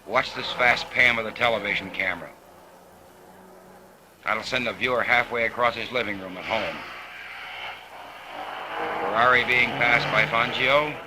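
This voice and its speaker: A man narrating race footage on an old 1950s film soundtrack, relaxed and dropping wry asides. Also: medium pitch, measured pace, pauses often. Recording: hissy, noisy vintage film recording.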